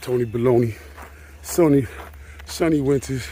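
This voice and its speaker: A man of middle pitch vlogs outdoors in the winter cold, talking casually in slang to his camera. He sounds a little out of breath, and faint background noise rides under his voice. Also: normal speed. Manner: slangy, excitable, chatty. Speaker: vlogger. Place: outdoors on a frozen lake in winter.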